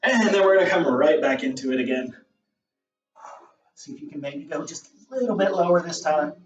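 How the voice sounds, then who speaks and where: Yoga teacher, male, somewhat high voice, calm encouraging cues, far from the mic in a roomy space. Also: fairly quick. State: out of breath. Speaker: yoga instructor. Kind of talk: guided yoga class instruction. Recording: roomy, distant, dull camera audio with faint music.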